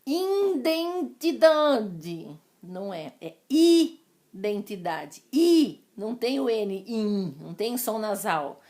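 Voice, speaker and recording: Slow-speaking Brazilian woman teacher. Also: medium pitch, lively intonation, mellow. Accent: Brazilian Portuguese. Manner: slow, drawn-out pronunciation of example words; affectionate, addresses students as "amores". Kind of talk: recorded online lesson.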